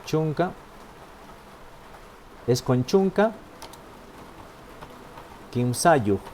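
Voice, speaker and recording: A man's voice: mid-range voice, darkish tone, slight background noise. A man teaching a language class online, patient and step by step, often checking in with his students. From Peru. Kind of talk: online lesson, explaining step by step.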